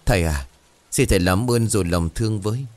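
A man's voice: lowish voice, a little fast, a little mellow, close to an everyday voice. A man voicing a distraught middle-aged mother who begs tearfully.

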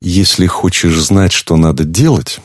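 A man's voice: low voice, measured pace, no room sound, clean studio sound. A man reading an audiobook, voicing a stern, shrewd wife who speaks firmly and reproachfully. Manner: firm, cutting, reproachful. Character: stern shrewd wife, woman, coldly in control.

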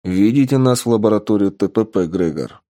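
A man putting on a cool-headed schemer in an audiobook, low-pitched and steady. He explains plans calmly and persuasively. The sound is dry and close. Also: normal speed, no room sound.

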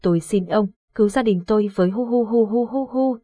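A woman reading the lines of a terrified, sobbing mother begging for help in a horror audiobook, with a husky voice. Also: mid-range voice, measured pace, darkish tone, no room sound, lo-fi sound. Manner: frantic, tearful.

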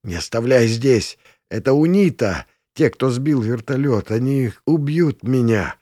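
A man voicing a wounded, desperate man who pleads in a hoarse, hushed and halting voice. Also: mid-range voice, expressive, no room sound, studio quality. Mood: pleading.

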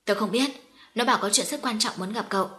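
Woman doing a worried young brother, rushed and out of breath. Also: mid-range voice, bright, forceful tone, roomy sound, natural voice. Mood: breathless hurry. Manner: breathless, hurried. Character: anxious young man, worried older brother.

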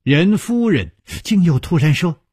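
A male storyteller narrating a wuxia tale with dramatic, swooping intonation. His voice is low and husky, and his pacing is slow and deliberate. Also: no echo, studio quality. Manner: expressive, dramatic, voices each character. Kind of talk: Chinese storytelling reading of a wuxia novel.

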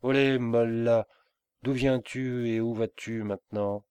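A man's voice: medium pitch, fairly even intonation, measured pace, darkish tone, smooth, no echo, close to an everyday voice. A man voicing a bitter merchant who grumbles about his stolen caravan. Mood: grumbling. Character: grumbling male merchant, bitter over robbed goods.

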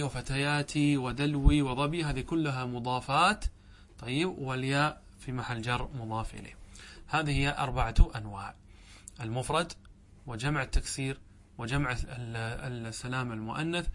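A man's voice: medium pitch, brisk, slight background noise. A man giving a classroom grammar lecture, repeating examples and quizzing his students. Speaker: teacher of Arabic grammar.

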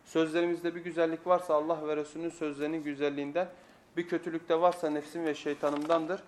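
Kürsüde mikrofona konuşan bir erkek din hocası; vurgulu bir dille ders anlatıyor, retorik sorular sorup kendisi yanıtlıyor. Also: male voice, a little high, level tone, fast, a little hiss or hum. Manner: emphatic, asks rhetorical questions and answers them. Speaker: religious teacher. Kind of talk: religious lecture. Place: at a pulpit before a congregation. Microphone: pulpit microphone.

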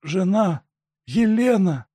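A man reading aloud and voicing a delirious asylum patient who mutters slowly in a broken, whispery way. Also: high-pitched, animated, mellow, slightly rough, dry recording, voice pushed up, heavily acted. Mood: dazed. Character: delirious madman, haunted sick husband.

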